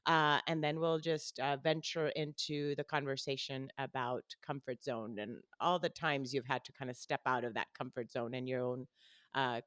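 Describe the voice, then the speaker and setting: A woman's voice: sits low, fairly bright tone, no room sound, studio quality. A woman from Colombia, a native Spanish speaker, hosting a casual interview with many restarts. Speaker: podcast host.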